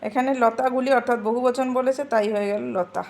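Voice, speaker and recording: Lady teacher going over sanskrit forms slowly, a bit gravelly, kinda high voice. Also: steady tone, a little mellow. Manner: patient, repeats forms slowly and asks "ঠিক আছে?". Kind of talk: explaining grammar to students.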